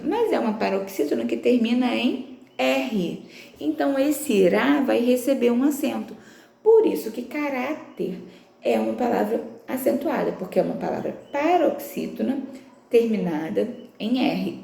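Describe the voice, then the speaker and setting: Lady teacher going thru exercises step by step, kinda high voice w some fry, echoey room. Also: mellow. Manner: patient, explains step by step, checks in often with "tá bom?" and "né?". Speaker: Portuguese language teacher. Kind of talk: recorded remote lesson walking through textbook exercises.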